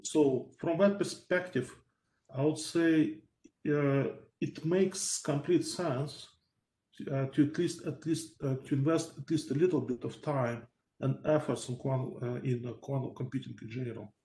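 A man's voice: mid-range voice, steady tone, a little slow, warm tone, reverberant, low-quality recording. A man, a researcher on a panel over a video call, talking thoughtfully with many fillers and hedges.

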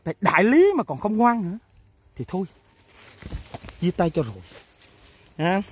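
Blunt high-voiced Southern Vietnamese man. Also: big pitch swings, moderate pace, slightly rough. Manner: blunt, emphatic, with rhetorical questions. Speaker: founder of a fertilizer company addressing farmers and agents. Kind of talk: off-the-cuff talk to his customers.

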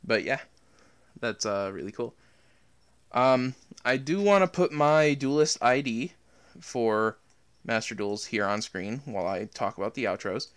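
A man who makes gaming videos talks loosely to his viewers, drifting with ums and uhs and restarting his sentences. His voice is smooth and clear, in a middle pitch for a man. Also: lively intonation, a little slow. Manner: rambling, many fillers and restarts. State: out of breath. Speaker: gaming YouTuber. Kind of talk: casual outro talk to viewers.

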